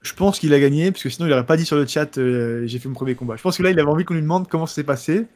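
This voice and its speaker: Male, quick casual livestream talker, slight lisp with sh-like s, slangy sports chat with repeated words. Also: a little high, darkish tone, dry recording. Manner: slight lisp, slushy sh-like s sounds. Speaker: professional MMA fighter answering viewer questions.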